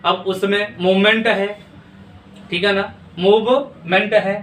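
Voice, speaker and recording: A man's voice: high-pitched, fairly even intonation, slow, a bit bright, recorded from a distance, slight background noise. Man, grammar teacher, video lesson, asks and answers his own questions, mic set back in an echoey room. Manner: repeats questions to students and answers them himself; checks in often with "theek hai na". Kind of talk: classroom-style video lesson.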